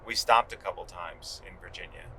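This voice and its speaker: A man's voice: deep voice, moderate pace, vocal fry, sharp tone, slight background noise, poor audio. A middle-aged man co-hosting a father-daughter podcast, recounting routes and facts in a matter-of-fact way with dry humor. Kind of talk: casual chat.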